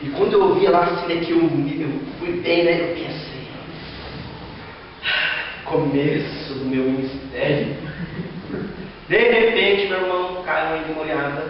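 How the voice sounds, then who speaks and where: High-voiced Brazilian pastor in echoing hall. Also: male voice, moderate pace, hardly any pauses, a little hiss or hum. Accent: Brazilian Portuguese. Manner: storytelling, acting out quoted voices, rhetorical questions. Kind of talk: sermon. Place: large echoey church hall. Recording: echoey hall from far off, dull sound.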